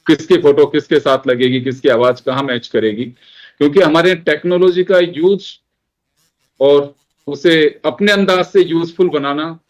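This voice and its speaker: A man's voice: a little high, rough recording. A man hosting a studio panel discussion, framing the topic in an emphatic, rhetorical way before bringing in his guests. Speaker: news show host.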